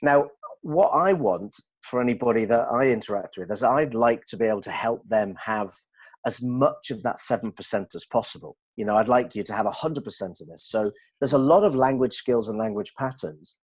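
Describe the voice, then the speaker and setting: A middle-aged man talking as a communication trainer, steady and explanatory. His voice sits at an ordinary middle pitch, and he keeps a teaching manner as he talks. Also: moderate pace, slightly rough. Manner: steady, explanatory, demonstrates tones of voice. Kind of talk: explanatory discussion.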